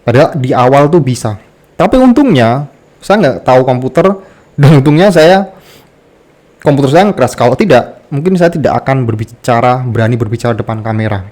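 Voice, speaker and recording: A man's voice: mid-range voice, expressive, brisk, a little mellow. A man with a slight lisp on his r, candidly telling a self-deprecating personal story to camera as a content creator.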